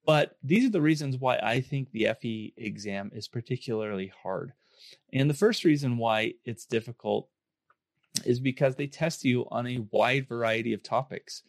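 Hoarse man hosting a casual podcast. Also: medium pitch, moderate pace, no echo, clean studio sound. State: hoarse, under the weather. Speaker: podcast host. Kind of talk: casual podcast talk to listeners.

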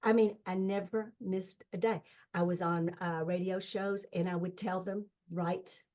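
A woman's voice: lowish voice, fairly even intonation, moderate pace, darkish tone. An older woman earnestly telling her near-death experience story as an interview guest, fervent and emphatic.

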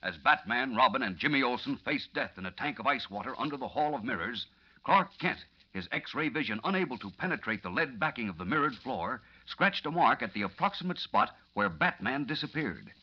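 A husky American man in the style of a 1940s radio announcer. His delivery swings widely in pitch, theatrical and full of suspense. The recording is dull, vintage lo-fi radio. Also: very animated, brisk. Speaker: narrator and announcer of a radio serial. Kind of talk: 1940s old radio announcer, dramatic scripted narration.

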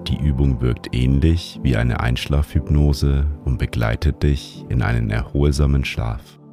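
A man narrates a guided sleep meditation in a soothing, calm manner, like a sleep-story narrator. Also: very deep voice, unhurried, music in the background. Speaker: meditation guide and show host.

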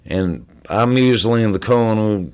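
On a podcast, a guest with a fairly low, clean-toned voice tells his story at normal speed. He's casual, blunt and profane, getting loud as he relives moments and repeating words whenever he restarts a sentence.

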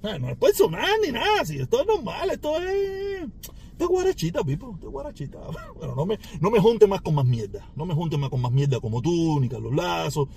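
A man's voice: sits high, huge pitch swings, brisk, vocal fry, darkish tone, a little hiss or hum. A man with a Cuban Spanish accent, ranting at a rival on his podcast in a taunting, sarcastic way with mocking laughs. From Cuba. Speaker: podcast host.

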